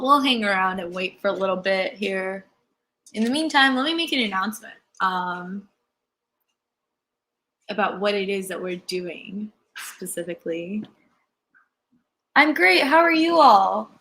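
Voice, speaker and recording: A woman's voice: a little high, bright, forceful tone. A young woman from India whose first language is Telugu, hosting a livestream workshop in a chatty, upbeat way and reading the chat aloud.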